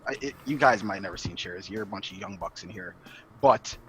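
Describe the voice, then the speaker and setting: A man co-hosting a podcast, talking in a playful, animated, jokey way. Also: sits low, fairly quick, slight background noise, poor audio. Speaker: podcast co-host. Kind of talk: casual podcast banter.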